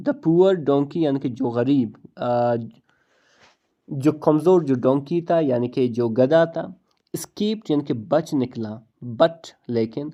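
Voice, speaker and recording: Guy teaching english thru a story, explains every bit, kinda high voice, mellow tone. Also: muffled recording. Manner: explains each English phrase, repeats himself, asks and answers his own questions. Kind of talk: line-by-line story translation lesson.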